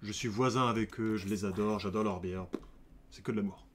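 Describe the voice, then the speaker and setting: A man's voice: on the low side, fairly even intonation, brisk, a little hiss or hum. Chatty male game streamer. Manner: chatty, joking asides to chat. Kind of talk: casual live-stream commentary.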